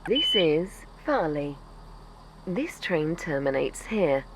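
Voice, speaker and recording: A low woman's voice giving automated train announcements, each phrase spliced together from separate recorded words. She speaks slowly and measuredly, her pitch rising and falling widely. Loud train noise runs underneath. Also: sing-song. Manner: measured, evenly spaced public-address delivery.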